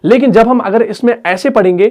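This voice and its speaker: A man, teaching a recitation class, explaining slowly and asking and answering his own questions. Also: high voice, darkish tone. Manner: recites Quranic verses in drawn-out chant. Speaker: tajweed teacher. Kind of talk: online Quran recitation lesson.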